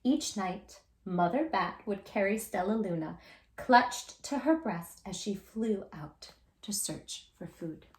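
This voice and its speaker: Reading a children's story aloud, a woman host brings it to life with animated expression, dramatic pauses, and drawn-out emphasis. Her voice sits at a medium pitch.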